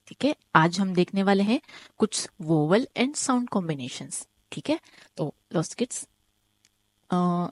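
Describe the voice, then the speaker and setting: A woman teaching an online German lesson, explaining step by step, often checking with "ठीक है?", and saying each example word slowly twice. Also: medium pitch, a little mellow, no echo.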